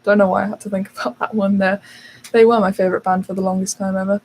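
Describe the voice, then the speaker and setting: A woman's voice: medium pitch, little pitch movement, fast, a little mellow, low-quality recording. Young British woman, livestream host, chatty with fillers, faint background noise. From United Kingdom. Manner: chatty, reads out and answers viewer questions with fillers. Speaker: channel host. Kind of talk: casual livestream chat.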